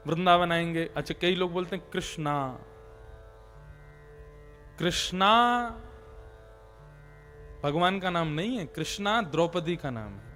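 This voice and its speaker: A male preacher with a voice that sits high for a man delivers a devotional sermon, explaining each point with firm emphasis. He's expressive and fairly quick, with few pauses and a fairly bright tone, while faint devotional music plays beneath him.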